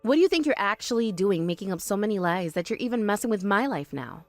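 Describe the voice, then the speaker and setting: A woman voicing a calm, sharp-tongued young woman in an animated story, speaking firmly and with dry exasperation. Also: mid-range voice, quick pace, dry recording, soft background music, close to an everyday voice.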